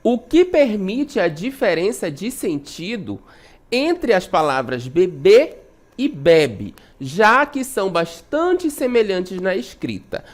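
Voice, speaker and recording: Lively Brazilian woman teaching a lesson. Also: medium pitch. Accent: Brazilian Portuguese. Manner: explanatory, constantly checks in with "né?" and "tá bom?"; stretches out syllables slowly to demonstrate stress. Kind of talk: recorded classroom lesson.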